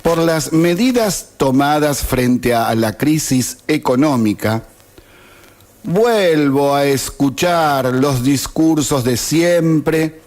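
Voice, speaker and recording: Slow, sarcastic Argentine man in his fifties. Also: on the high side, a little mellow. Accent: Argentine Spanish. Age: 50s. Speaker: radio host. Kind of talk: read-out opinion editorial. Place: radio studio.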